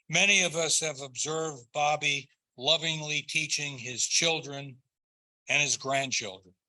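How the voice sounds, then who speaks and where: An older man delivers a prepared eulogy in a measured, earnest and tender way, phrase by phrase. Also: fairly high pitch, pushed and bright, poor audio.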